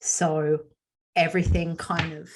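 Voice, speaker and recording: A woman's voice: low voice, flat delivery, measured pace. A woman in her forties with a Dublin Irish accent, chatting openly as a podcast guest with plenty of ums and likes. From Ireland. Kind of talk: casual interview chat.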